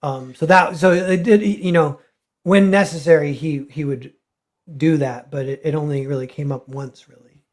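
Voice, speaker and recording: A man's voice: on the high side, steady tone, moderate pace, a little mellow. A man, a comic artist guest, talking casually and ramblingly with many fillers and restarts. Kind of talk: casual livestream chat.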